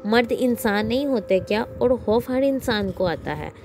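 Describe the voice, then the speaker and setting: A woman voicing a gentle, soft-spoken young man. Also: a little high, animated, normal speed, soft background music. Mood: coaxing. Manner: gentle, coaxing.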